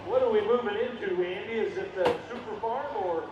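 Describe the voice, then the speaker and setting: A man's voice: high voice, fairly quick, highs cut off, background noise. A man co-announcing a tractor pull with folksy, chatty commentary over a distant, echoing PA. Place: outdoor tractor pull event.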